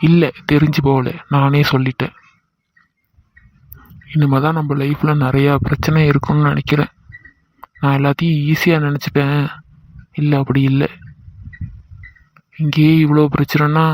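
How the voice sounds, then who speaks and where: A man voicing a resigned young village man in love in a cartoon, explaining his troubles flatly. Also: a little high, moderate pace, pauses often, no room sound, natural voice, low-quality recording.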